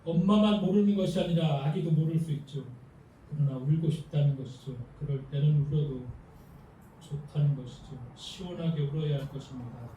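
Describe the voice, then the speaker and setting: A man, a pastor, giving a Sunday sermon in a calm, measured way and softly reading a passage aloud. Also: a little high, a little hiss or hum. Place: church sanctuary. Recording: echoey hall, mic from a distance, faint ambience.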